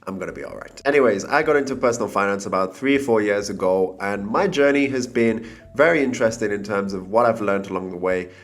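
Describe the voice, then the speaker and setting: A young man with a cold, talking to camera in a relaxed, conversational way about his own experiences. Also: on the low side, quick pace, soft background music. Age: young adult. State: has a cold. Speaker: finance YouTuber. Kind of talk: casual talking-head vlog.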